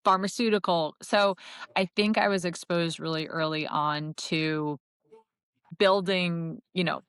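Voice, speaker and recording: A middle-aged woman from Connecticut talks through her career as a podcast guest, pausing to rephrase as she goes. Her voice sits low and sounds smooth and clear. The sound is dry and close. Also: fairly even intonation, a bit bright, no echo. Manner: thoughtful, self-correcting, with light laughs. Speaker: marketing executive guest. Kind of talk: casual interview talk.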